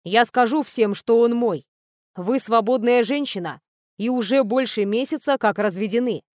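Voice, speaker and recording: Woman reading as a earnest lovesick young knight guy, quiet and serious, kinda high, dry close sound. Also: moderate pace, dry recording, close to an everyday voice. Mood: pleading. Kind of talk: audiobook character reading.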